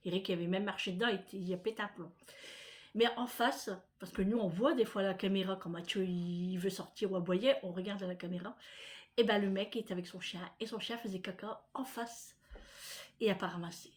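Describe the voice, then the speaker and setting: A middle-aged woman from France talks straight to her viewers in a relaxed, rambling vlog chat. Her speech wanders from one small aside to the next, full of fillers and restarts. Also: medium pitch, fairly quick. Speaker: vlogger. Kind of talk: casual chat to camera.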